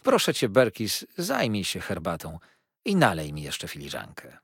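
A man's voice: sits low, huge pitch swings, moderate pace, vocal fry, fairly bright tone, husky, no echo, exaggerated voice. A man reading an audiobook voices a stern, brusque older aunt who speaks in a dry, commanding way.

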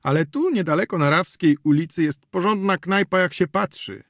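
A man's voice: high voice, normal speed, fairly bright tone, no echo, clean studio sound, voice pushed up. A man voicing a small, slangy street hustler who coaxes a companion to drink. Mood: coaxing. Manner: coaxing, cheeky, slangy.

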